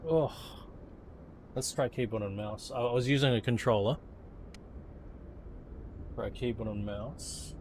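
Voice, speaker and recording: A man's voice: medium pitch, measured pace, pauses often, noisy background. An Australian man streaming games, chatting in a casual, rambling, laid-back and sweary way. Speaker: game streamer. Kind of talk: casual rambling livestream chat.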